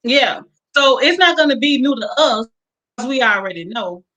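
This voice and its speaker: A woman with a bright, somewhat high voice reads viewer comments aloud on a casual chat show. She pauses on fillers and then reacts to what she read. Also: expressive, poor audio. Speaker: co-host reading viewer comments.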